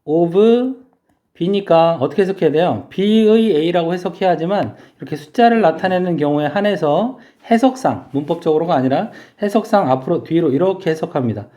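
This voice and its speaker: Korean male English teacher, mellow voice. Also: fairly high pitch. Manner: explains step by step, asks students questions. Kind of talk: vocabulary lecture.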